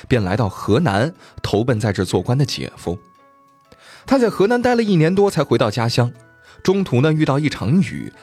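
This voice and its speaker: A man telling a folk tale on a podcast, lively and colloquial, acting out the characters. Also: mid-range voice, slightly rough. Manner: lively and colloquial, acts out voices. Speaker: podcast storyteller. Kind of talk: animated storytelling of folk tales.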